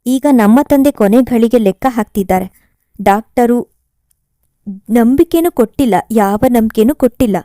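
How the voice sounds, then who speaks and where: A woman's voice: a little high, dark tone, no room sound, studio quality, natural voice. A woman voicing an earnest, grieving young man in a storybook reading, with a pleading, emotional manner.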